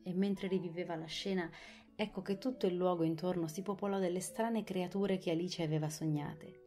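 A woman narrating an audiobook of a children's classic, expressive and clear. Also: lowish voice, normal speed, faint music behind.

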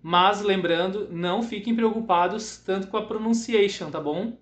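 High-voiced Brazilian teacher, echoey room. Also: male voice, moderate pace, fairly bright tone. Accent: Brazilian Portuguese. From western Santa Catarina, Brazil. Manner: reassuring, switches between English and Portuguese, drills words for repetition. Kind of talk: online English lesson for children.

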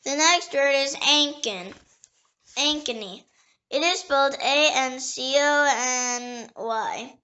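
A woman with a high, bright voice reads dictionary entries aloud at a slow, careful pace. She spells each headword letter by letter and now and then trips over a word and starts it again. The recording sounds dull and lo-fi. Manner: slow, careful reading, spelling words letter by letter, with small slips and restarts. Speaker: dictionary reader.

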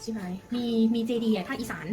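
A fast-talking woman chats through a travel vlog while tipsy, loud and crude with her jokes. Her voice sits a little high and her words come out slurred. Music plays under the talk. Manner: loud, crude, joking, slurring as she gets drunk. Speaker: travel vlogger. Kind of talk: casual drunken travel vlog chat.

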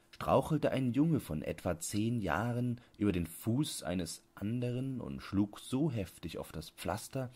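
A man with a low-pitched voice narrates literary prose from a script. He reads in a measured, deliberate way, like a bedtime audiobook.

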